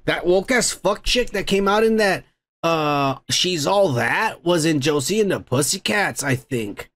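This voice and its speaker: A man's voice: fairly high pitch, lively intonation, unhurried, a bit bright. A man hosting a show and reading viewer comments in a rambling, profane, casual way, his microphone heavily compressed. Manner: rambling, swears freely, frequent restarts. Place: home.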